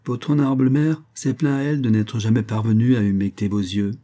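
A man reading the part of a composed, teasing woman of forty who speaks in calm, sententious phrases. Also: mid-range voice, brisk, natural voice. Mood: calm assurance.

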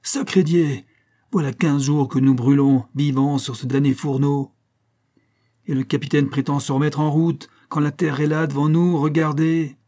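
A man voicing an enraged sailor who shouts in a shrill voice. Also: fairly even intonation, normal speed, close to an everyday voice. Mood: furious.

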